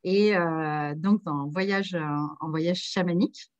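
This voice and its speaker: A woman's voice: on the low side, slow pace, no room sound, muffled recording. A woman hosting an online summit livestream, chatting with viewers and introducing her guest with frequent laughs. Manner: chatty, warm-up banter with viewers, often laughing. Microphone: video call.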